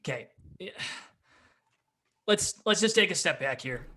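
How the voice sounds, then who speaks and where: A man voicing a gruff, blunt fighter demanding answers. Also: high-pitched, lively intonation, measured pace, pushed and bright, voice pushed up, full character voice. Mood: confused. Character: gruff tough male fighter, suspicious and blunt.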